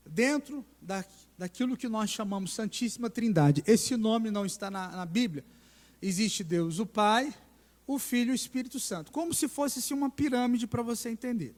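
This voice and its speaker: A middle-aged male pastor preaching a sermon, telling stories animatedly and putting questions to the congregation. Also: high voice. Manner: animated storytelling with acted voices and questions to the congregation. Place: church sanctuary. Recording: long church-hall reverb.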